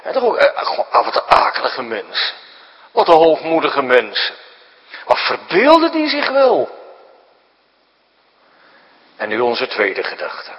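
A man preaching a sermon, explaining things to children, jumping high for emphasis and sinking to a hushed whisper. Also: wildly swooping pitch, measured pace, pauses often, long reverb tail, muffled recording. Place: church.

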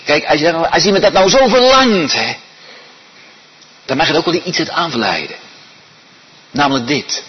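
A man preaching a sermon, swinging from loud, high appeals to hushed, almost whispered pleading. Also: animated, normal speed, pauses often, muffled recording. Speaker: pastor.

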